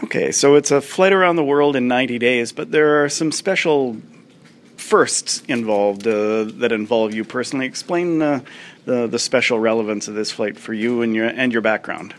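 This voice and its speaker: A man working as an aviation news reporter, posing brisk interview questions at a trade show. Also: mid-range voice. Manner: brisk interviewer prompts with some uhs. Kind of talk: field interview. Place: convention floor.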